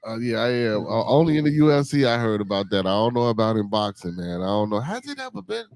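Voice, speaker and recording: A man's voice: on the low side, very animated, quick pace, darkish tone, no room sound. A man with a Chicago accent hosting a casual live-stream podcast, talking in a loose, slangy, laid-back way and often tagging on "man". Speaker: podcast host.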